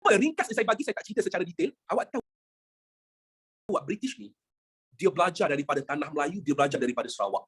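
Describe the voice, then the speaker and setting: A history teacher with a Malaysian Malay accent, lecturing a class in a lively way, firing rhetorical questions, joking and dropping in English phrases. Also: mid-range voice, quick pace, long pauses, breathy edge.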